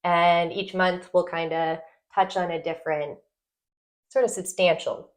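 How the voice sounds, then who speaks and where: A young adult woman from Ireland co-hosting a podcast in casual chat, laughing often and pausing with fillers. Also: fairly low pitch, steady tone. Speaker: podcast co-host.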